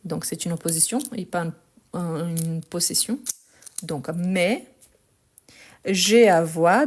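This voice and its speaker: During a live online lesson, a French teacher with a fairly low, darkish voice corrects a text step by step. Patient and slow, she repeats words often and keeps saying "donc", all into a phone she holds in her hand.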